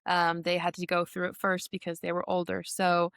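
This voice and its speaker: Chatty young woman, smooth low voice. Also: monotone, normal speed, a bit bright, no room sound, clean studio sound. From Minnesota. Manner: chatty, laughs often, many ums and restarts. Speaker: guest, pro hockey player. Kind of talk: casual interview talk.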